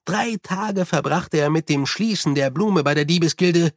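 Senior monk in an audiobook, brisk and explaining, dry close sound , read by the narrator. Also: medium pitch, no echo, close to an everyday voice. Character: senior monk, matter-of-fact reporter.

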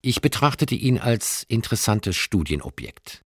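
A man reading a scripted essay in a dry, ironic tone, lifting into lively emphasis when he runs through lists. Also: fairly low pitch, moderate pace, husky, no echo. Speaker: narrator.

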